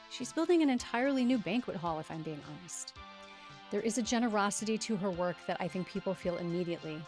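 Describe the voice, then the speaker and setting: A woman's voice: medium pitch, a little mellow. A middle-aged woman hosting a podcast, reading a scripted introduction in an emphatic, conversational way. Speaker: podcast host.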